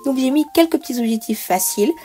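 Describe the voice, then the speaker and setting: A woman's voice: sits high, expressive, fast talker, warm tone, faint music behind. A woman giving a chatty craft tutorial voice-over, explaining each step with frequent hesitations. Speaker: bullet journal creator.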